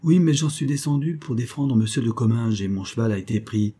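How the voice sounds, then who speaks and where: A man's voice: medium pitch, animated, a little fast, warm tone, husky. A man reading an audiobook, voicing a young nobleman who answers politely and earnestly. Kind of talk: audiobook character voice.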